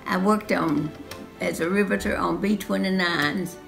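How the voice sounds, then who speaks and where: A woman's voice: on the low side, steady tone, unhurried, gravelly, soft background music. An older woman earnestly recalling her wartime work. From Alabama, USA. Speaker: interviewee, former riveter. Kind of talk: personal testimony.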